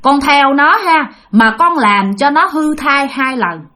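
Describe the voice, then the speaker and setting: The pleading ghost of a drowned young man, as a woman storyteller puts him on, humble and complaining. The voice sits a bit high and pushes forward. It comes as a storybook aside inside a told tale. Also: expressive, slow, bright, forceful tone, heavily acted. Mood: resentful. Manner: humble, complaining, asks a monk for help.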